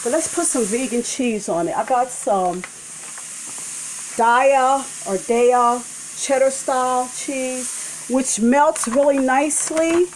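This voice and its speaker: A woman's voice: high voice, unhurried, darkish tone, rough recording. A woman vlogging a casual cooking demonstration in her home kitchen, talking in a chatty, rambling way and correcting herself as she goes. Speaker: vlogger cooking a vegan breakfast. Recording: kitchen noise and pan sizzle. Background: food sizzling in a pan.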